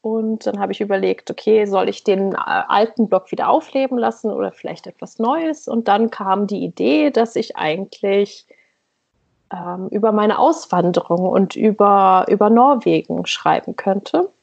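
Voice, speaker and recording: Speaking at a normal speed, this German emigrant blogger has a mid-range voice that is creaky, a little mellow and slightly rough, captured in lo-fi sound. She's a podcast guest on an internet call, chatting hesitantly in a casual interview and frequently groping for words.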